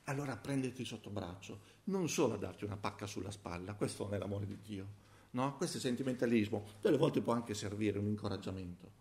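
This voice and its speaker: Impassioned male preacher. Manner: swings from soft murmurs to loud, high-pitched exhortation; slow, emphatic delivery on scripture. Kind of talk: sermon.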